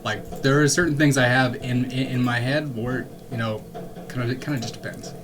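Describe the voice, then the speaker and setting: A man running a tabletop game as game master, narrating casually in a halting, improvised way. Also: medium pitch, steady tone, noisy background.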